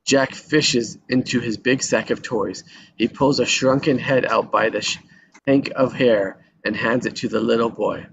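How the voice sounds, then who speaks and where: A man reads stage directions at a table read a little slowly, his medium-pitched voice steady in tone, creaky, and a bit bright. He now and then trips over words and repeats them. The recording is dull and lo-fi, with noise behind him.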